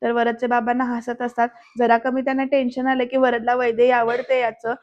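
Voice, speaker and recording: A woman's voice: fairly high pitch, level tone, brisk, darkish tone, muffled recording. A woman giving a voice-over recap of a serial episode, telling the story scene by scene and often speaking straight to the viewers. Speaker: serial reviewer.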